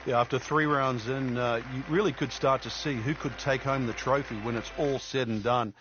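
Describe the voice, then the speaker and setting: A man's voice: medium pitch, fairly even intonation, normal speed, lightly acted. Guy doing easygoing golf commentator for a video game, chatty explainer type, bit muffled with noise behind. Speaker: golf colour commentator, analyst. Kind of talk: golf commentator, conversational analysis. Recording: dull audio with clear background noise.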